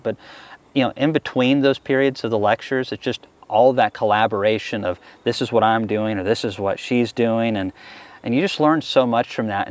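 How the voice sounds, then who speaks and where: Easygoing low-voiced man talking bees. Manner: easygoing, chatty and enthusiastic. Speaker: beekeeper being interviewed. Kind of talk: casual interview answers while working a hive. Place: outdoors at a beehive.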